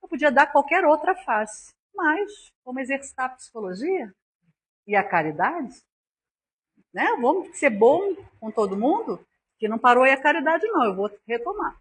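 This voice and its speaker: A woman's voice: high voice, very animated, moderate pace, breathy edge. A woman with a Brazilian accent giving a spiritual lecture on forgiveness, earnest and acting out little scenes in quoted voices. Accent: Brazilian Portuguese.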